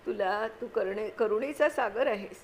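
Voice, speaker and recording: A woman reading aloud, voicing a devout wife who softly pleads in prayer. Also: mid-range voice, measured pace, a little hiss or hum, close to an everyday voice, low-quality recording. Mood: pleading prayer. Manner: softly imploring.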